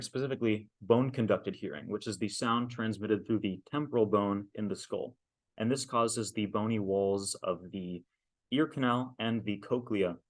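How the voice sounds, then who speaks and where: A man in his twenties giving an academic technical presentation as a student, speaking carefully and hesitantly with frequent ums and pauses. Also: fairly low pitch. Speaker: master's student presenting a thesis defense.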